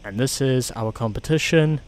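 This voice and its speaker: A man's voice: medium pitch, normal speed, darkish tone. A man hosting a let's play, chatting casually through gameplay and reading event text aloud.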